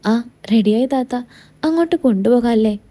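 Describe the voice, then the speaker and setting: A caring young daughter-in-law, affectionate and soothing, as a woman voices her in a told story. Her voice sits fairly high and mellow, coaxing and reassuring. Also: lively intonation, normal speed. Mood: chatty.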